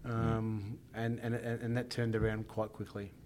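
A middle-aged man, a podcast guest in a studio, telling his life story in a reflective, hesitant way with many pauses. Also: on the low side, little pitch movement, a little mellow.

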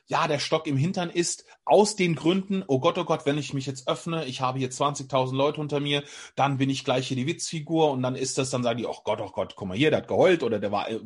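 A man talking in an interview as a leadership coach, explaining with energetic, vivid stories, frequent restarts and acted-out examples. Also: medium pitch, husky.

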